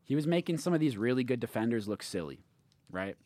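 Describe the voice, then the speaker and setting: A man's voice: mid-range voice, big pitch swings, fast talker, mellow, dry recording. A man hosting a casual sports podcast, laid-back and analytical, trailing off with ums. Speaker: podcast host.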